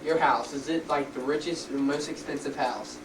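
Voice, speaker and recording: A man's voice: medium pitch, fairly even intonation, normal speed. A man presenting an amateur talk show and its ads with informal, casual phrasing. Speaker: mock talk show host and ad pitchman. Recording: echoey, noisy, distant amateur camcorder audio.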